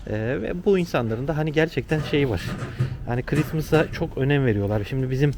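A travel vlogger on noisy, traffic-filled city streets chats casually with a companion, explaining things as they go. His mid-range voice is expressive and his pace quick, keeping the on-location talk conversational.

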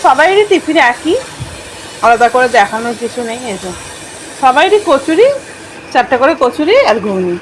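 High-voiced chatty woman vlogger. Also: a little hiss or hum, low-quality recording. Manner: chatty, addresses viewers as friends. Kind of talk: casual home vlog chat.

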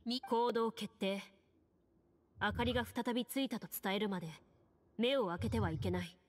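A woman's voice: medium pitch, slight background noise, natural voice. A woman playing a composed, commanding female duelist who narrates as game master in a game. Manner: composed, measured. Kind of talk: Japanese game voice acting.

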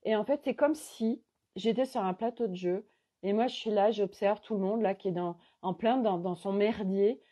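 A middle-aged woman, a holistic coach, telling a rambling, animated story in a casual live stream. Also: mid-range voice, normal speed. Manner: rambling, chatty, animated retelling. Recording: dull lo-fi sound.

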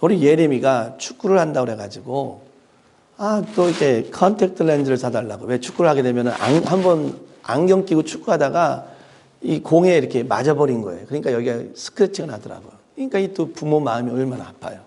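A man preaching a sermon as pastor, telling stories in a conversational way with rhetorical questions and sudden hushed drops. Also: mid-range voice, lively intonation, a little fast, vocal fry, slight background noise.

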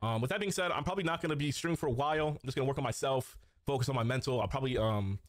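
A man's voice: mid-range voice, expressive, rapid-fire, no echo, studio quality. A man in an apology video, talking hesitantly with lots of fillers. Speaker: streamer apologizing in a clip.

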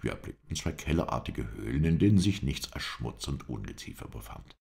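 A man reading an adventure novel aloud as an audiobook, in expressive scripted narration. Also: rumbling low, brisk, gravelly. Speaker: audiobook reader.

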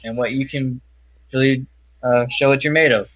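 A young man speaking earnestly as an interview guest, halting and often restarting his sentences. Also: mid-range voice, fairly even intonation. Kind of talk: personal interview talk. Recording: dull, lo-fi audio.

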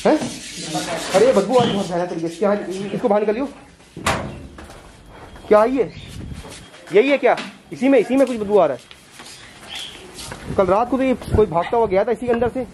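A man vlogging casually, asking lots of excited, rapid questions. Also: high voice, background noise. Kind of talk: casual vlog chat.

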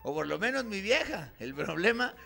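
Gravelly high-voiced Mexican comedian. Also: male voice, sing-song, moderate pace, pushed and bright. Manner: acts out both sides of a couple's quarrel. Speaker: stand-up comedian. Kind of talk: stand-up comedy routine.

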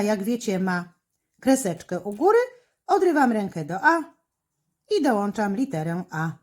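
A middle-aged woman teacher explains a handwriting exercise stroke by stroke. Her voice sits a little high and moves up and down a lot as she guides young pupils. She talks slowly and carefully, with small fillers between steps. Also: a little mellow. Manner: slow, careful, instructive, with fillers. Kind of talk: handwriting lesson with step-by-step commentary.

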